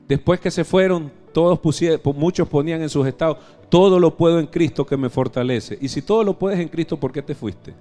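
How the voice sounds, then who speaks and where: A man with a Venezuelan accent preaching a live church sermon, emphatic, firing questions at the congregation and swinging from loud exclamations to soft low asides. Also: fairly quick, faint music behind. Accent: Venezuelan Spanish. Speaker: pastor. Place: church service.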